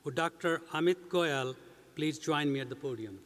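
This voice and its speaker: A man's voice: a little high, a bit bright. Older man giving a formal podium speech. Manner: measured, read from script. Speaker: university president. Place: large indoor commencement stage. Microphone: podium mic. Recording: long reverb of a big hall.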